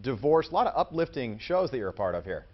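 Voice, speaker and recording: A man's voice: medium pitch, big pitch swings, fast, dull audio. An American man from Massachusetts hosting a casual, informal entertainment interview.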